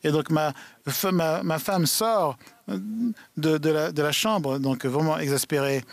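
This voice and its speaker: Male speaker, gravelly and a touch high, halting live talk with many restarts. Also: no echo. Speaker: conference speaker. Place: large event hall.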